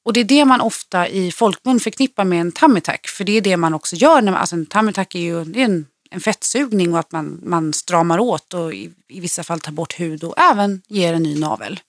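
A woman, a personal trainer, telling a personal story in casual podcast chat, with lively jumps up when excited. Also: on the low side, few pauses, no echo, studio quality.

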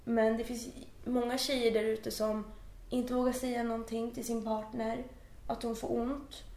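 A woman in her twenties, a podcast guest, telling a personal story in casual conversation and acting out the dialogue she recalls. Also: a little high. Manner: animated storyteller who acts out quoted dialogue. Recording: roomy echo.

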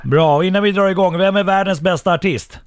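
A man's voice: high-pitched, clean tone. A man running a radio quiz segment in a playful, joking way. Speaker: radio host, quizmaster. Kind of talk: casual radio banter.

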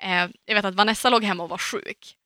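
Podcast co-host, woman from Umeå: animated storyteller, bright tone, dry close sound. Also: medium pitch, no echo. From Umeå, Sweden. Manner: lively storytelling, acts out quotes, swears casually. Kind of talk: casual chat.

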